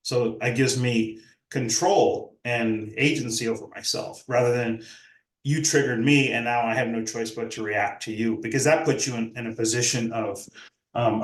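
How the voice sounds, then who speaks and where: Older male professor, reflective and measured, mid pitch, echoey room sound. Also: steady tone. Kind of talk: academic discussion. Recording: roomy echo.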